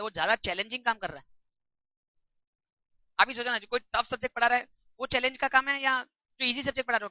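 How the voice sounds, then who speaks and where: A man's voice: very high-pitched, bright, forceful tone, dry recording, dull audio. A man teaching a lecture class in a conversational way, often putting questions to his students.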